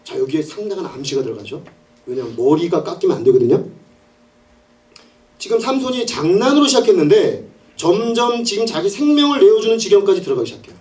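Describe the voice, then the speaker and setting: A male pastor preaching an animated sermon, telling the story with laughs and acted-out scenes. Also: high voice, fast talker, far from the mic.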